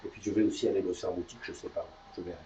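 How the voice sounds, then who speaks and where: Animateur bavard capté de loin. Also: male voice, low-pitched, little pitch movement, rapid-fire, mellow, slight background noise. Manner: chatty, upbeat, announces and teases. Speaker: host of a live morning show. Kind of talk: casual live chat. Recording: distant, roomy, dull sound.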